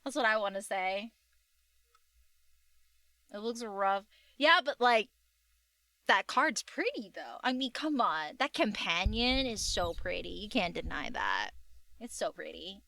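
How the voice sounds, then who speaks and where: A woman chatting casually on a livestream in a cute, gushing anime-streamer way, with slangy, expressive exclamations. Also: medium pitch, unhurried, vocal fry, long pauses, no echo. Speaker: VTuber artist and livestreamer.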